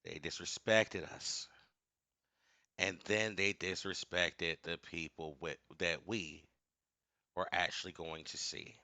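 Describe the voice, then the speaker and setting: Man, American accent, booming motivational monologue, preacher-like repetition, forceful bright tone, dry close sound. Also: steady tone, takes it slowly, dry recording. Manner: emphatic, repeats phrases for effect, swings from low asides to shouted outbursts. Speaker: online video commentator.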